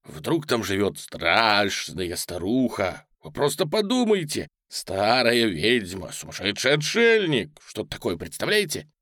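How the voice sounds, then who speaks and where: Man voicing an excitable boy, teasing, eager, storybook reading, close dry sound. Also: on the low side, unhurried, few pauses, dry recording, heavily acted. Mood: excited.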